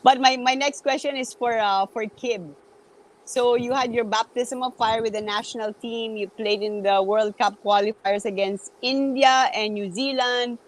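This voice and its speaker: A woman co-hosting a sports talk show, asking lively questions and slipping Tagalog words into English. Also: fairly high pitch, moderate pace, rough recording. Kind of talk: hosting an interview.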